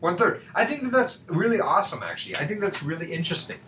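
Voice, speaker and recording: A man's voice: high-pitched, very animated, fast talker. A man tutoring a student over a video call, talking casually with lots of fillers and rhetorical questions. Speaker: math tutor. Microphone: computer mic on a video call. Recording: echoey room with faint background noise.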